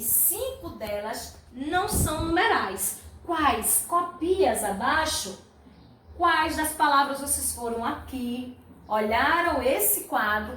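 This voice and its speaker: Lady teacher going over workbook answers w the kids, high voice, kinda far off in an echoey room. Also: a bit bright, a little hiss or hum. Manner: patient, slow and drawn-out, praising pupils. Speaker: primary school teacher. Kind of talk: classroom lesson correcting workbook exercises. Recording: echoey room, mic at a distance.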